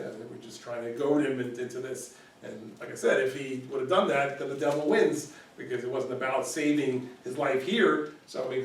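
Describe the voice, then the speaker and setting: A man's voice: mid-range voice, a little hiss or hum. A man leading an informal Bible study, explaining in a conversational way, repeating words and often checking in with "right?". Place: church room. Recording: roomy echo, recorded from far off.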